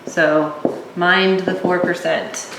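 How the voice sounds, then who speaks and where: Slow-speaking woman lecturing from notes. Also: lowish voice, steady tone. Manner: reads from notes, unhurried, occasional fillers. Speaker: instructor. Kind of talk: lecture on herbal oils. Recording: echoey room, faint background hum.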